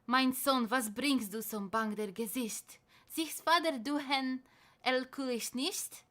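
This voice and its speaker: Woman doing calm father, gentle, slightly lower, soothing, slow. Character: calm, soothing father reassuring his son.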